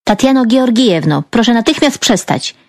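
This is a strict, commanding mother in an audiobook, sharp and scolding , as a woman narrator plays her. The voice stays close to the reader's own pitch and sounds dry. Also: animated, moderate pace, no echo, lightly acted. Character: stern, strict middle-aged mother.

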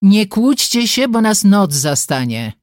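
Narrator doing bossy young farm guy, brisk and commanding, voice swinging around. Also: mid-range voice, animated, dry recording, studio quality, voice pushed up, close to an everyday voice.

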